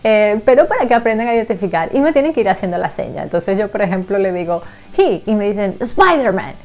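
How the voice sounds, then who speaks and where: A woman English teacher for young children, explaining a classroom game in a casual, lively way and acting out sounds and children's voices. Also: mid-range voice, fast talker. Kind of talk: casual explanatory lesson to camera.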